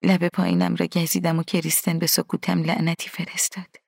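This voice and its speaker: A woman reading a first-person story aloud in a soft, hushed, partly whispered way, with a husky voice. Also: fairly low pitch, sing-song, dry recording, clean studio sound. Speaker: audiobook narrator. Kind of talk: scripted first-person narration.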